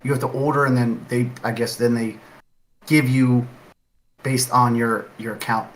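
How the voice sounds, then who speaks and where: A man's voice: mid-range voice, little pitch movement, moderate pace, slight background noise, low-quality recording. A man talking as a podcast guest in casual chat, rambling with lots of "like" and restarts. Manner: rambling, heavy use of "like" and restarts.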